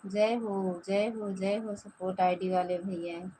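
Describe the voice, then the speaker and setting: A woman's voice: mid-range voice, fairly even intonation, slow pace, dark tone, slight background noise, poor audio. A woman from Pratapgarh with an Awadhi-tinged Hindi accent, hosting a casual live stream from home and greeting viewers one by one by name. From Pratapgarh, Uttar Pradesh, India. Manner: chatty, greets viewers by name, stretches out words.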